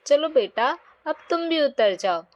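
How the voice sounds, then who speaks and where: A woman voicing a kindly grown man who gives children horse rides, talking gently and instructively. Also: sits high, expressive, a little slow, a little hiss or hum, voice pushed up. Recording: dull lo-fi recording.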